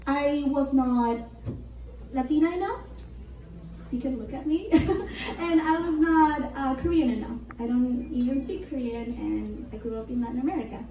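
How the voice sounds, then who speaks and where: Young woman from Argentina, native Spanish speaker, high mellow voice, earnest conference speaker, heard from a distance. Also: normal speed, a little hiss or hum. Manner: earnest and reflective, with light laughs. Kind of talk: prepared motivational talk. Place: conference hall. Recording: roomy hall, voice from a distance.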